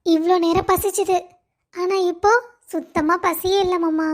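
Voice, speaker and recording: A woman's voice: extremely high pitch, steady tone, unhurried. A woman voicing a loving young wife who pleads and complains of being alone. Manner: pleading, plaintive.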